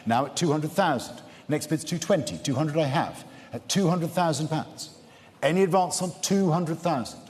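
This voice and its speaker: A man's voice: on the high side, a little mellow. A man working as a fine art auctioneer, formally calling and repeating bids at a live sale. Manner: formal, measured repetition of bid figures. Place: large indoor auction room. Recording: echoey saleroom with long reverb, background noise.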